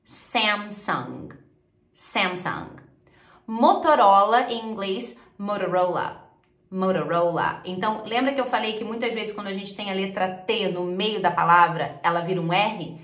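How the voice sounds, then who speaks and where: Brazilian woman teaching pronunciation, echoey room. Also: mid-range voice. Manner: repeats words slowly and clearly, lively explaining. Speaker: English teacher. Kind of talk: pronunciation lesson.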